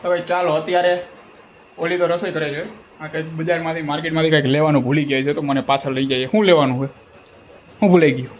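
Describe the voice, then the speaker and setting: A man's voice: on the high side, steady tone, fast, a little hiss or hum, low-quality recording. A young man, chatting casually and teasing his family in a home vlog. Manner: playful, teasing banter. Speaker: family vlogger.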